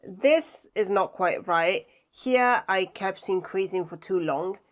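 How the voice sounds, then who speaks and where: A woman's voice: medium pitch, takes it slowly. A woman chatting casually and reflectively to camera while she does crafts, thinking aloud as she goes. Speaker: craft vlogger.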